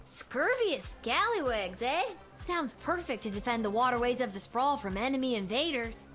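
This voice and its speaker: A woman's voice: a little high, animated, moderate pace, fairly bright tone. A woman playing an eager, earnest twelve-year-old gate guard in a video game, with a perky manner. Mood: eager, impressed. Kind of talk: video game character acting. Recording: music behind the voice.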